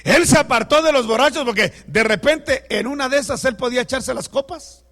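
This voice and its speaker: A man's voice: very high voice, a little fast, fairly bright tone, long reverb tail. A man preaching a sermon who speaks straight to the congregation and tells stories with quoted dialogue.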